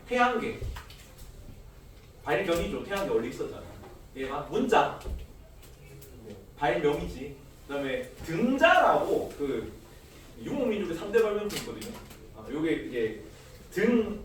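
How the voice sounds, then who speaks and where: With a fairly high voice and some slight background noise, a male social studies teacher runs a relaxed lesson, quizzing the class through rhetorical questions and joking asides. The mic is far away in a very echoey room.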